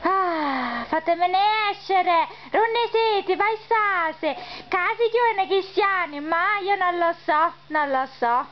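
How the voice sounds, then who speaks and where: An extremely high, cartoonish voice of an impatient young captive acted out in a fan dub, with a thick Sicilian accent. It pleads and exclaims in everyday dialect. The recording is muffled and hissy, like a homemade dub. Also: slow pace, hardly any pauses. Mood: pleading. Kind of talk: amateur comic dialect dub of animated film. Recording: dull lo-fi noisy home dub.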